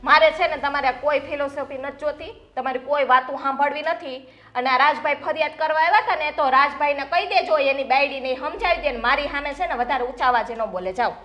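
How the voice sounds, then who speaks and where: An actress playing a quarrelsome elder daughter-in-law who argues and scolds. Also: female voice, sits high, fairly quick, pushed and bright, reverberant. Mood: scolding. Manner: argumentative, scolding.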